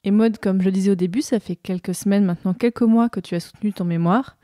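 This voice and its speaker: A woman hosting a podcast, asking questions and reacting with lively interjections. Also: medium pitch, fast talker, dry recording, studio quality. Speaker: podcast host.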